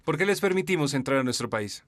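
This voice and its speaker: A man's voice: medium pitch, animated. Man doing live simultaneous interpretation. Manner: quick, with short restarts and self-corrections.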